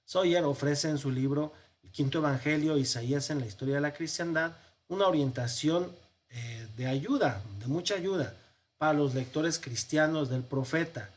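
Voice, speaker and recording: A priest leads a Bible class, explaining a text on screen step by step, counting and pointing as he answers his own rhetorical questions. His voice is a little high and his pace moderate.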